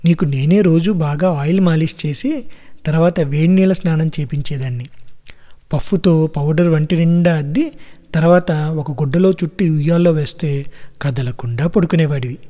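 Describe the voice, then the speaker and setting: A man doing a brisk teasing grandmother. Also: fairly high pitch, mellow, lightly acted. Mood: fond. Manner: scolding yet affectionate. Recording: long reverb.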